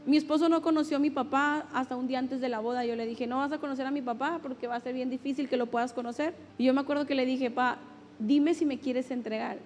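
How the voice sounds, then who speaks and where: A woman pastor with a Mexican Spanish accent preaching a sermon, sharing an emotional testimony and repeating phrases for emphasis. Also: high-pitched. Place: church hall. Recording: long hall reverb.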